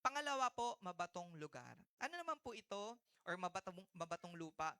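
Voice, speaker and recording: A man's voice: high-pitched, sing-song, fairly quick, pushed and bright. A man in his thirties with a Filipino accent, preaching a sermon to a church congregation. He mixes Tagalog with English and keeps calling on the congregation to answer back. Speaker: pastor. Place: church sanctuary.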